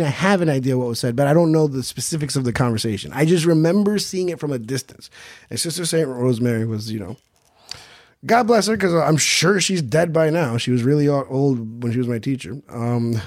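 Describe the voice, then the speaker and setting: A podcast host from Queens, New York, tells a childhood story in a profane, self-mocking comic style. His mid-range voice is a little mellow, fairly quick, and lively in intonation, recorded at studio quality with no echo.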